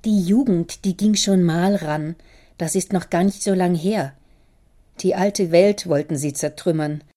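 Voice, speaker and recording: A weary, grave older father, as a female narrator plays him, speaking with heavy warning. Her low, mellow voice turns louder and firmer in his lines. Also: measured pace, lightly acted.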